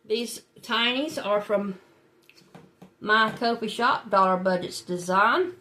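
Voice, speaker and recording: Slow and medium-pitched, this woman's voice sounds pushed and bright. She's a budgeting channel host, nose stuffed from a head cold, chatting and laughing softly with viewers as she completes her savings challenges.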